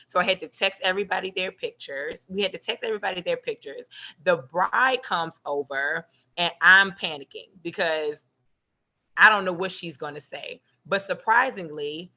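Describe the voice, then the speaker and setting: Lively woman telling a story, muffled audio. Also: lowish voice. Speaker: photo booth business owner. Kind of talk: casual storytelling on a video call panel. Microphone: video call. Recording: slightly muffled call audio.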